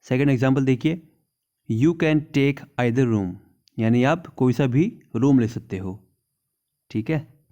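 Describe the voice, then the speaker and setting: Using Hindi to teach an English grammar lesson, a man reads out examples slowly and keeps asking "theek hai na." The voice is medium-pitched and dark, and the recording has its highs cut off.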